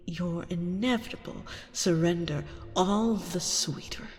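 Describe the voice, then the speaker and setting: In an ASMR roleplay, a woman plays a seductive, manipulative vampire queen posing as a therapist, coaxing and breathy and often slipping into whispers. Her medium-pitched voice is a little mellow, her mood gloating and teasing. A long reverberant echo hangs on her voice.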